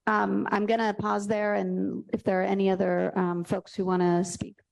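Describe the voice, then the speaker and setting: A woman chairs a public board meeting and reads a prepared statement in a measured, deliberate way. Her voice has a gravelly fry running through it. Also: medium pitch, level tone, a little mellow, poor audio.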